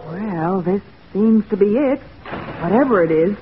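A woman's voice: mid-range voice, expressive, unhurried, slight background noise, lightly acted. Woman playing an earnest American sidekick, tinny sound. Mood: eager, amazed. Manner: questioning, earnest, easily alarmed. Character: eager, anxious female detective's assistant, loyal and inquisitive. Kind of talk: old-time American radio detective drama acting. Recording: tinny, narrow-band old radio recording.

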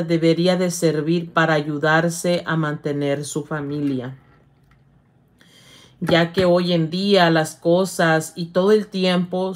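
A middle-aged woman with a lowish voice hosts a casual livestream, reading viewer comments aloud. She calls her viewers "hija" affectionately, speaking in a halting manner.

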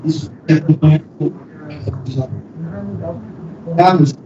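A man chairing a formal council session over a video call, his audio glitching and cutting out as he speaks in halting fragments. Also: on the high side, fairly even intonation, background noise. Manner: halting, fragmented speech with hesitations. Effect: glitchy audio that keeps cutting out. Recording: distant echoey lo-fi call audio with dropouts.

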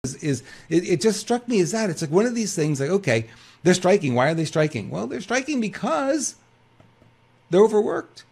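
Animated older man, lively rising voice. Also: high-pitched, normal speed, gravelly, husky. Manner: animated, rhetorical questions, many restarts. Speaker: co-host of a political news talk show. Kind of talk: casual commentary and reading news aloud.

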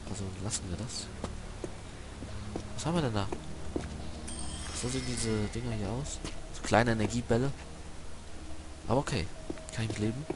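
A man's voice: medium pitch, normal speed, pauses often. A young man giving casual, slangy gaming commentary as a Let's Play host. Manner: colloquial, slangy, mildly swearing. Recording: loud game noise behind the voice. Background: video game ambience.

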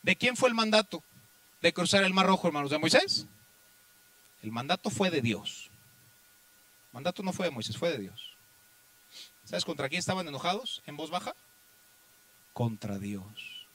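Man, pastor, sermon, high voice, rhetorical questions, loud then hushed, dry sound. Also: very animated, moderate pace, long pauses, no room sound, low-quality recording. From Mexico. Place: church.

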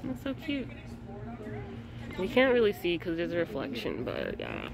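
Over music, a woman in her twenties with a lowish voice, huge pitch swings, vocal fry and an unhurried pace vlogs casually as she tours a historic house museum and its garden, moving indoors and outdoors. She chats enthusiastically and says "like" a lot.

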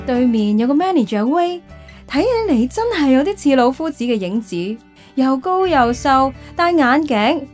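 In a radio drama with background music, the lead actress narrates and plays a reflective, wistful single career woman, speaking with a Hong Kong Cantonese accent. Her voice is high and a little mellow.

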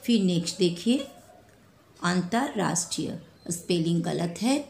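A woman teaching a spelling lesson to children, repeating each word slowly and correcting mistakes one by one. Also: fairly low pitch, expressive, vocal fry, a little mellow. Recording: echoey room with faint ambient noise.

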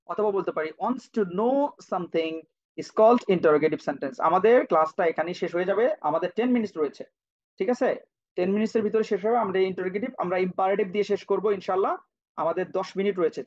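A man teaching English grammar to children in an online class, patiently repeating, spelling words out and checking on students by name. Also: sits high. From Bangladesh. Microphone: cheap computer microphone. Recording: dull lo-fi online-class audio.

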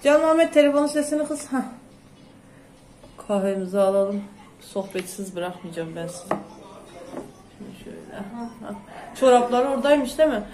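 A woman chatting loudly and rambling to her viewers in a casual home vlog. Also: fairly high pitch, expressive, moderate pace, pauses often, slight background noise. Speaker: vlogger. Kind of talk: casual chat to camera. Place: home, indoors. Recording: echoey room.

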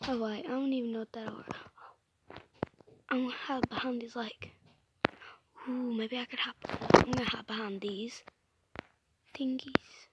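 A woman's voice: fairly high pitch, steady tone, normal speed, long pauses, highs cut off, very noisy. Whispery gameplay commentary from a woman. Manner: drops to an anxious whisper while hiding, chatty with many fillers. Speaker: gameplay video host. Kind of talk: casual game commentary.

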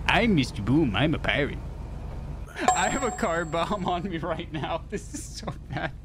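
A man's voice: fairly high pitch, animated, unhurried, heavy background noise. A man playing a mischievous, taunting pirate troublemaker in an improvised video game role-play. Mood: gruff mischief. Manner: taunting, playfully defiant.

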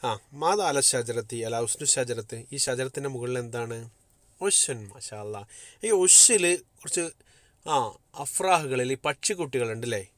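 A man from Kerala, India teaches a primary school Arabic class online, slowly reading textbook phrases, explaining them and asking questions he answers himself. His voice is mid-range and fairly bright, with no echo.

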